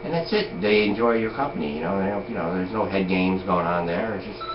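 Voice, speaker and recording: Here a forties-aged man talks in a low, animated voice at a fairly quick clip, rambling through casual chat packed with "like" and "you know." The recording is lo-fi, with room echo and noise.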